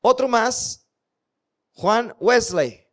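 A man's voice: very high voice, animated, drawn-out words, fairly bright tone. A man preaching a sermon, telling stories and asking the congregation rhetorical questions.

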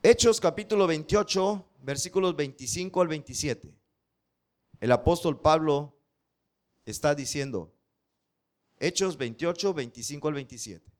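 A male preacher delivers a sermon, his voice sitting a little high for a man. He reads verses slowly and with weight, then turns to the congregation with rhetorical questions, keeping the pace unhurried throughout. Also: expressive. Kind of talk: sermon with scripture reading.

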